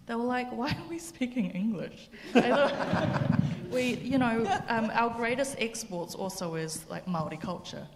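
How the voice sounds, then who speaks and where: A woman's voice: on the high side, animated, a little slow, hardly any pauses, in a large hall, heavy background noise. A woman speaking passionately in a panel debate, conversational, with fillers.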